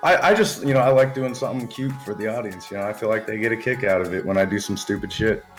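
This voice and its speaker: A man's voice: lowish voice, fast. Young male streamer, frat-bro slang and swearing, casual livestream chat over faint music. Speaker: gaming streamer.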